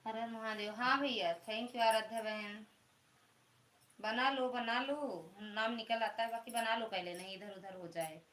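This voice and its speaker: A woman with an Awadhi accent hosting a casual live stream from home, greeting viewers one by one with religious salutations in a loud, chatty voice. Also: a little high, steady tone, a little slow, echoey room. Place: indoors at home, in a room.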